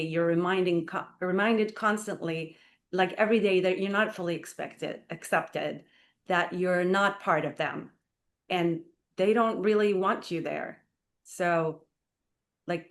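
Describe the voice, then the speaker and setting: A woman from Israel with a voice on the low side guests on talk radio, where the playwright and performer speaks earnestly in an interview. She uses many fillers like "like" and "you know," and a studio microphone picks her up.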